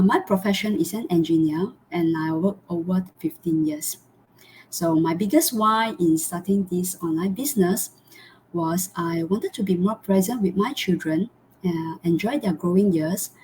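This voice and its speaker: A woman's voice: lowish voice, moderate pace, a little mellow, slight background noise. A woman from Malaysia, hosting a live online interview over a video call in an earnest way, with many fillers and restarts. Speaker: host.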